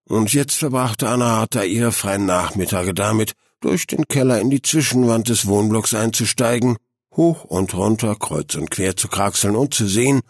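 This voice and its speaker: A man narrating an audiobook in a calm, even reading. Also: fairly low pitch, no room sound, clean studio sound.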